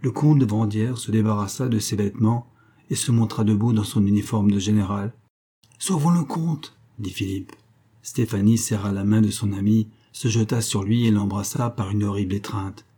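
Low, husky male audiobook narrator. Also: little pitch movement, fairly quick, mellow.

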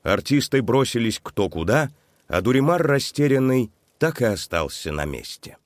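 A man's voice: medium pitch, big pitch swings, moderate pace. A man narrating a children's story expressively and dramatically.

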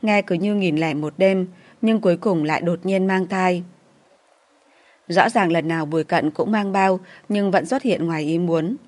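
Low-voiced woman narrating a romance. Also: moderate pace, darkish tone. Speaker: audiobook narrator.

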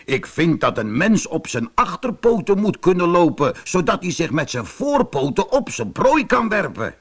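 A man's voice: sits high, big pitch swings, normal speed, slightly rough, pitched above the performer's own voice, full character voice. A man voicing a big, blunt grey male bear in a storybook. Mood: gruff. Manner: blunt, forceful.

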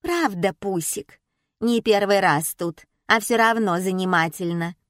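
A woman's voice: medium pitch, lively intonation, a little slow, a bit bright, no echo, studio quality. A woman reading an audiobook and voicing a harsh, scolding middle-aged mother. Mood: gushing.

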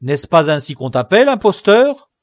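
A man's voice: mid-range voice, big pitch swings, a little slow, mellow, slightly rough, dry recording, clean studio sound. A man voicing a stern, scornful male guard who scolds prisoners. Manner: barking, scolding.

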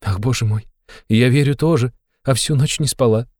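High fretful voice, man playing a flustered aging mother, exclaims in a rush, storybook reading. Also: warm tone, dry recording, studio quality, lightly acted. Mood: anxious. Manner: breathless, rushed, exclamatory. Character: anxious fussy aging mother, tearful and flustered.

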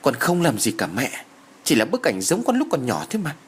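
A man's voice: medium pitch, wildly swooping pitch, fairly quick, breathy edge, pitched above the performer's own voice. A man voicing an anxious young man who answers his parents hesitantly. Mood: pleading.

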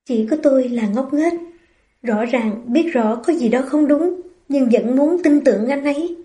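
A wounded young woman in an audiobook novel, bitter at herself, read by a woman. Her voice is mellow and a little high. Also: measured pace. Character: hurt, self-mocking young woman.

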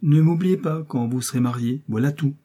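Un homme qui prête sa voix à une femme vive et perspicace, taquine et câline, dans un livre audio. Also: male voice, a little high, moderate pace, warm tone, voice pushed up, natural voice. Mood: teasing, coaxing. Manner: arch, coaxing, playful. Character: lively shrewd middle-aged woman, teasing invalid friend.

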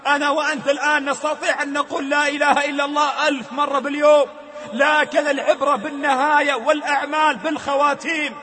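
Give me a fervent male preacher with a very high voice, telling a story in a sermon. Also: little pitch movement, fast talker, a little hiss or hum. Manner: fervent, swings between hushed and shouting. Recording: long hall reverb.

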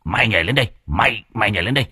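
A man's voice: on the low side, animated, very fast, husky, no room sound, heavily acted. Bellowing, flustered ghost-hunter master, done by a male narrator, folk audio tale, dry sound. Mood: frantic shouting. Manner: shouting, flustered, repeats himself. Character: excitable older male ghost-hunting master.

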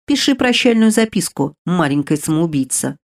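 A woman voicing a cruel dark queen in a storybook reading, commanding and mocking with a hissing edge. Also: fairly low pitch, very animated, normal speed. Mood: cold mocking.

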